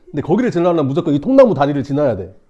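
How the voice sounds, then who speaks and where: A male teacher telling a class a story, acting out shouts and screams and laughing as he goes. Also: a little high, big pitch swings, very fast, dull audio. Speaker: math teacher.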